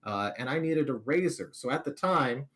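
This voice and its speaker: A man's voice: mid-range voice, moderate pace. American guy, middle-aged, guest on a casual chat, joking about himself, voice jumps all over. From United States. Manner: animated, jokey, self-deprecating anecdotes. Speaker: streamer guest. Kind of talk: casual interview storytelling.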